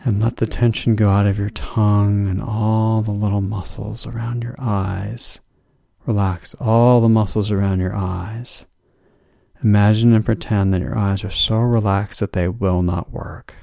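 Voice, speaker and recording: Slow, gravelly man guiding relaxation. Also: fairly low pitch, flat delivery, warm tone, no room sound, studio quality. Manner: slow, soothing, drawn-out instructions. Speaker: relaxation guide. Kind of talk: guided progressive muscle relaxation.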